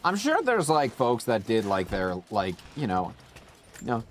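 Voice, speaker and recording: A man's voice: medium pitch, huge pitch swings, a little slow, slight background noise. A man streaming and casually commenting on gameplay in a rambling, playful way.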